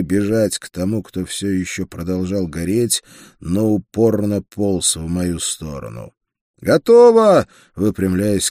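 A man reading a first-person fantasy audiobook in a steady, measured storytelling voice. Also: lowish voice, no echo, clean studio sound. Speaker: audiobook narrator.

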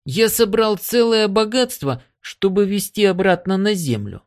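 A man voicing a drunk, boastful Earth prospector bragging loudly in a barroom audiobook scene. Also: high-pitched, sing-song, measured pace, no echo, studio quality, voice pushed up, full character voice.

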